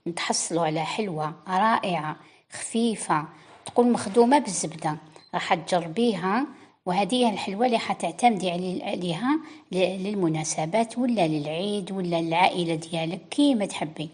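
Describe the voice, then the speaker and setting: A woman's voice: fairly low pitch, brisk, darkish tone, husky. A woman with an Algerian Arabic accent, giving a chatty step-by-step baking tutorial and talking straight to her viewers. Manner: instructive, chatty, addressing viewers directly. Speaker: cooking channel host. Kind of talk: cooking tutorial voice-over.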